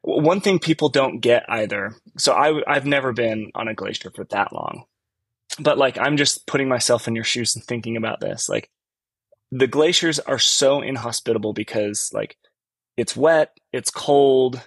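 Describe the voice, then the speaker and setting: A man hosting a casual interview, relaxed and thinking aloud with lots of "like". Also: medium pitch, normal speed, breathy edge, dry recording. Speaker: podcast host.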